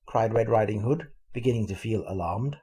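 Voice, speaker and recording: An older man, a grandfather, reads a fairy tale aloud with animated, expressive storytelling. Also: lowish voice, moderate pace, breathy edge. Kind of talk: storybook reading.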